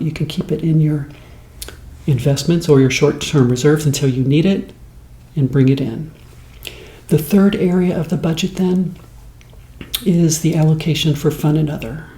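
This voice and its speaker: A man in his late fifties talking in a slow, rambling, soft-spoken ASMR way, as host of the show. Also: on the high side, reverberant. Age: 50s.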